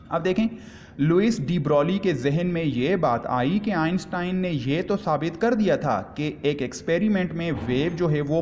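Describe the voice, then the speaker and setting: A man's voice: a little high, darkish tone, dull audio. A man giving a physics lecture to students, explaining patiently and repeating key points. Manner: explanatory, repeats points, mixes English phrases. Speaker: physics teacher. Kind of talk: classroom lecture. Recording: reverberant room with faint ambient noise.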